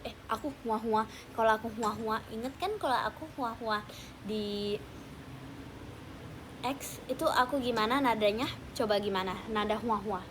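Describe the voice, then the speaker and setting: A woman's voice: a little high, normal speed, slight background noise. A teenage girl hosting a casual livestream chat with fans, playful and teasing, talking at home at night. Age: teens. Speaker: idol livestream host.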